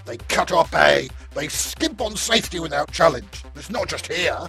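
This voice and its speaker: Gravelly creaky voice, swooping pitch, rhetorical in-character game speech, music behind. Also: lively intonation, normal speed, fairly bright tone. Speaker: tabletop role-play player.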